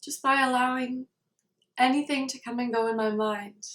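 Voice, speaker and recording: A woman leads a guided meditation in a calm, slow, gentle way. Her voice sits a little high. It is recorded at home with a roomy echo, a bit away from the mic. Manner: slow, soft, calm guiding. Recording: roomy sound, somewhat far from the mic.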